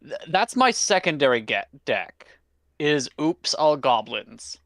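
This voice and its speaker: A man chatting casually with a friend on a stream, rambling and animated, swearing now and then. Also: on the high side, slow, no echo, clean studio sound. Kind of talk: casual chat.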